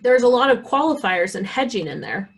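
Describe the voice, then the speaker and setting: A woman presenting a career skills workshop, explaining points and often pausing with "um". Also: fairly high pitch, lively intonation, breathy edge. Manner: frequent "um" fillers, reads example emails aloud. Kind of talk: online workshop lesson.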